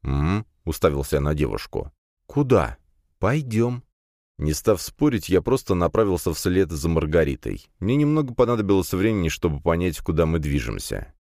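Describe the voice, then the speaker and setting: A man narrates a first-person audiobook in a low, deep voice. His delivery is wry and grumbling, and the recording is close and dry, with no room sound. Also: very animated, a little fast, hardly any pauses, a little mellow, no echo.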